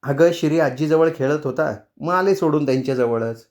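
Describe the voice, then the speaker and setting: A man's voice: a little high, moderate pace, a little mellow, natural voice. A man voicing a caring grown daughter who anxiously questions her mother. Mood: concerned. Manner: concerned, coaxing.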